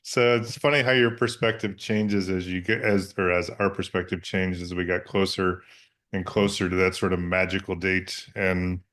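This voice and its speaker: A man's voice: low-pitched, level tone, moderate pace, a bit bright. A man in his fifties, podcast co-host, chatting casually with wry self-deprecating humor. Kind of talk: casual chat.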